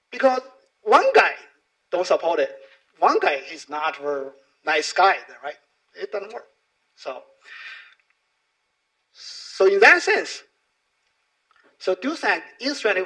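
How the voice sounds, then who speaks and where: This rough recording captures a middle-aged man with a high, fairly bright voice giving a casual, explanatory conference talk. A native Chinese speaker with a Chinese accent, he speaks English as a second language and often checks in with short tag questions.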